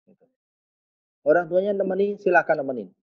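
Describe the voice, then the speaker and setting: A man's voice: sits high, fairly quick. Man explaining pediatric physiotherapy, dull audio. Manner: explanatory, joking, with a Javanese touch. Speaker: guest speaker, pediatric physiotherapist. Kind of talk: webinar Q&A answer. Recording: dull lo-fi online call audio.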